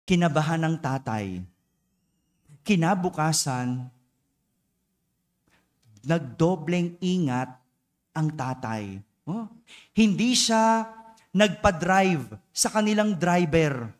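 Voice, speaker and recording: A man's voice: a little high, lively intonation, slow, pauses often. A male priest giving a dawn-mass homily, telling a story and checking in with the congregation by asking them to agree. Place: church.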